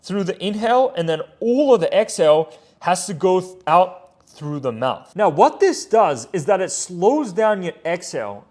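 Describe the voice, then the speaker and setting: High-voiced man coaching in voice-over. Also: darkish tone. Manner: explanatory, checks in with "right?" and "okay?". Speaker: pitching coach and channel host. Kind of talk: instructional voice-over.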